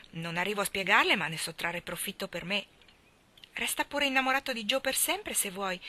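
A woman's voice: on the low side, pushed and bright, heavily acted. A woman reading aloud, voicing an earnest young woman who lectures in a sure tone. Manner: sure, preaching tone.

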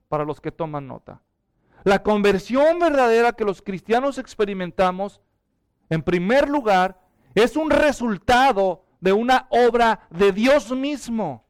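A man's voice: high-pitched, clear, resonant tone, no echo. A male pastor preaching a sermon in a conversational way, checking in with the congregation.

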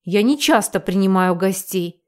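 A woman reading an audiobook, voicing a huge amorous man with a rumbling voice. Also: lively intonation, normal speed, natural voice. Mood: calm. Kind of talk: audiobook character voice.

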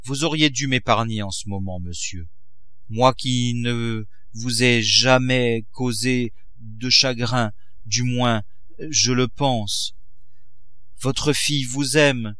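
A man voicing an ailing older mother who pleads slowly and wearily. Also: medium pitch, fairly bright tone. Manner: slow, imploring, weary.

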